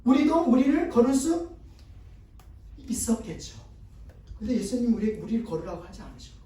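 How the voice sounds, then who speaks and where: A man preaching a conversational sermon, with a high but mellow voice. He talks with the congregation, asking questions and having them repeat his words. The sound is distant and very echoey, as if caught from far off in a large church hall. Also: very animated, brisk, slight background noise. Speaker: guest pastor. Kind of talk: sermon seminar. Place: church sanctuary.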